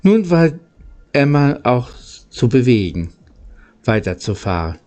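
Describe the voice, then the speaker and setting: Sing-song in delivery and dark in tone, this mid-range man's voice belongs to a storyteller who hosts a channel and reads audiobooks. He narrates haltingly, tripping over a word or misreading one now and then.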